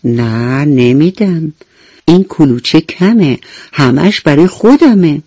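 A woman's voice: low voice, expressive, warm tone, no room sound, dull audio. A woman voicing a selfish little male beetle in a children's radio bedtime story, speaking in a raised, pleading tone. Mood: stubborn.

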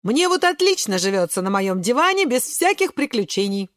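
Woman doing a lazy zucchini boy, grumbling, slow, lower voice, dry sound. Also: sing-song, dry recording. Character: lazy homebody zucchini boy who loves his couch.

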